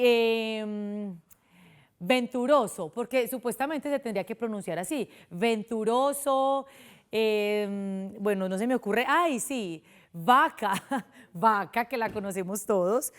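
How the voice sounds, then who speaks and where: Casting: young Colombian woman as a primary school teacher, patient and explanatory, with a fairly high voice. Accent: Colombian Spanish. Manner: patient and explanatory, addresses children with questions. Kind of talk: televised spelling lesson for children.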